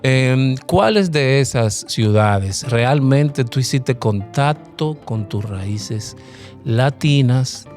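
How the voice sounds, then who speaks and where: A man's voice: medium pitch, animated, extremely slow, a little mellow, faint music behind. Inquisitive male interview host. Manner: inquisitive, repeats questions. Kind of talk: conversational interview.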